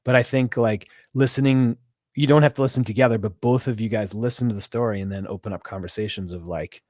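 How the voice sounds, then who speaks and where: Deep-voiced man reflecting candidly. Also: steady tone, darkish tone, no room sound, clean studio sound. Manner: open, self-reflective, halting. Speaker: podcast co-host. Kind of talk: candid casual chat about marriage.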